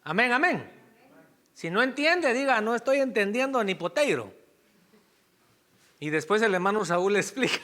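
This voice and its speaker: A male pastor delivers a Sunday sermon in a relaxed, conversational way, stopping for asides and fixing his own slips. His voice sits high and sounds bright and forceful, and he takes his time over every phrase. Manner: conversational preaching, asides and self-corrections.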